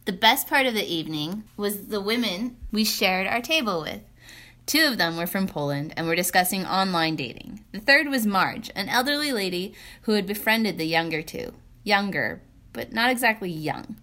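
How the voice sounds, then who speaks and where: A woman's voice: medium pitch, animated, moderate pace, sharp tone. A young woman co-hosting a podcast who tells of a dinner outing in a dry, wry way. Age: young adult. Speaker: podcast co-host.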